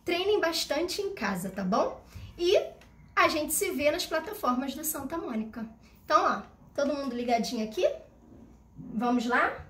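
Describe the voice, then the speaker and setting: A woman's voice: high-pitched, sing-song, moderate pace, long pauses, fairly bright tone. A woman teaching a video lesson for children, patient and step by step, checking in often and singing out words to show the stressed syllable. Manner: patient, explains step by step, frequent "tá?" and "né?". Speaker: primary school teacher.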